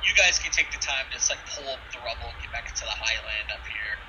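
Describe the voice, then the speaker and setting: A male game master narrates a tabletop game and chats casually with the table. His voice is mid-pitched and recorded at a distance, with noticeable noise behind it. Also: fast, sharp tone. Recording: distant mic with clear background noise.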